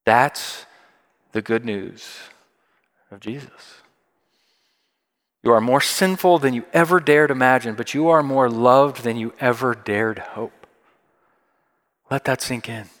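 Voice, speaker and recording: A man's voice: medium pitch, slow, pauses often, fairly bright tone. Man preaching in a reverberant church. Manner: conversational, emphatic, repeats key phrases. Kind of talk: sermon. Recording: long hall reverb.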